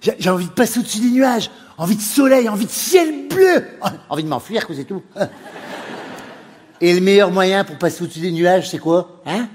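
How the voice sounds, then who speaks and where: A man's voice: high-pitched, fairly quick, a little mellow, breathy edge. A comedian playing a camp, sarcastic male flight attendant with a northern French accent, in a laughing comic monologue. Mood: mocking. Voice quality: flamboyant, mocking, laughing. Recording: roomy reverb with faint ambience.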